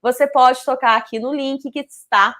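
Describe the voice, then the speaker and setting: A woman, a literacy educator explaining syllable activities to teachers in a clear, didactic manner, asking rhetorical questions. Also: sits high, fairly even intonation, fairly bright tone. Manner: clear, didactic, speaks syllables slowly to demonstrate; addresses teachers directly, asks rhetorical questions. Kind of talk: teaching video with product promotion.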